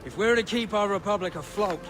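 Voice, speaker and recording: A seasoned pirate captain from a video game, acted by a man, pitched high for a man. He is gruff and commanding, a mocking mentor who talks in blunt sailor slang, with music playing behind him. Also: brisk, natural voice. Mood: proud, instructive. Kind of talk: dramatic video game acting.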